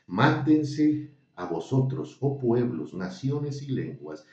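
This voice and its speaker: Man reading as a royal herald, proclaiming, low dark voice, distant roomy lo-fi sound. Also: lively intonation, moderate pace. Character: loud ancient male royal herald. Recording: dull, roomy, distant recording.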